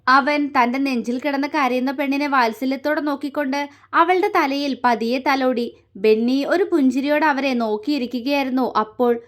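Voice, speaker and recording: A woman reading a romance story aloud in a calm, steady storytelling manner. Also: high-pitched.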